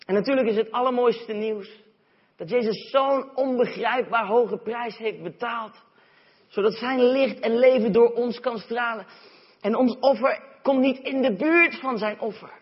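A man's voice: very high-pitched, measured pace, breathy edge. A man from the Netherlands preaching a sermon, telling the story vividly and acting out voices. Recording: dull sound, long hall reverb.

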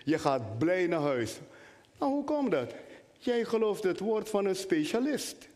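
A male preacher delivers an animated sermon and keeps turning to speak directly to the people in front of him. His voice sits high for a man. The sound rings with the long reverb of a church hall. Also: a little slow. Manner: animated, talks directly to the congregation.

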